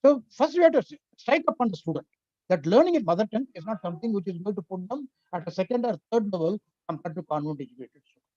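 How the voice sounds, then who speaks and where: Speaking quickly with lively intonation and a warm, mid-range voice, an older Indian-accented lecturer whose first language is Tamil presents on education policy as an invited webinar speaker. The talk is earnest and explanatory, moving point by point. Audio comes over a video call, dry and a little muffled.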